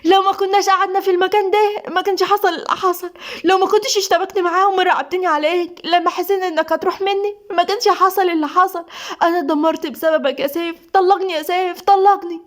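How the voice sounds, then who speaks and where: Woman narrator doing a furious young Egyptian wife: piercing high voice, fast and tearful. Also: fairly even intonation. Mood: anguished, furious. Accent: Egyptian Arabic. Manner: shrill, tearful accusations.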